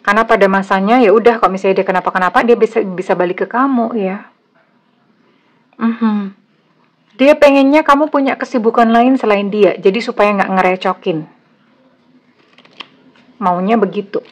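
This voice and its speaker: A woman's voice: mid-range voice, moderate pace, pauses often. A woman with an Indonesian accent doing a casual tarot reading for a viewer, chatty and blunt, mixing in English phrases. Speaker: tarot reader.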